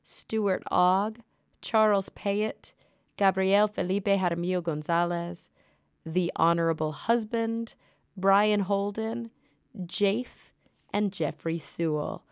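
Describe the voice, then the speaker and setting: A woman hosting a podcast, slightly under the weather, brisk and upbeat as she introduces and interviews a guest. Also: mid-range voice, smooth, no echo, studio quality. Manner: brisk and upbeat, quick asides. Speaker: podcast host. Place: at a conference venue.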